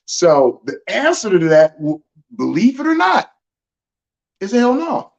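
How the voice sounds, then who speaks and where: A man's voice: sits high, wildly swooping pitch, unhurried, gravelly, muffled recording. A man, born in Germany, explaining venom medicine in a laid-back, casual livestream chat, using vivid analogies.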